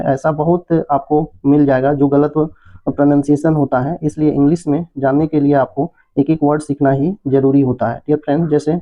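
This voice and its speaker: A man hosting an English lesson for beginners, explaining spelling and pronunciation patiently and repeating checks with his listeners. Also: fairly high pitch. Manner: patient, repetitive explaining with frequent "है ना". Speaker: English teacher, channel host. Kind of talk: Hindi-language English lesson. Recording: tinny phone-like audio.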